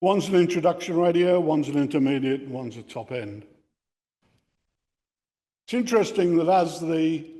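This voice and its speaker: With a fairly high, mellow voice, an older Australian man lectures fellow radio enthusiasts on technical subjects at an amateur radio club. Equipment sits on a bench in the indoor meeting room, and the sound echoes as in a hall.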